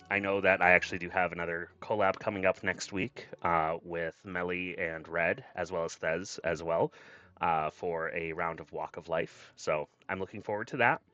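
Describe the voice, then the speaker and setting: This VTuber streamer has a low voice that sounds pushed and bright, recorded with no room sound and dull audio. He chats casually, effusive and grateful, frequently thanking viewers, as background music plays.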